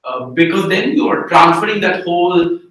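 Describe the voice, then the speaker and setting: A man's voice: sits high, expressive, moderate pace, a bit bright. A man in an informal group discussion, thinking aloud in a conversational way. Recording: very echoey room, distant mic.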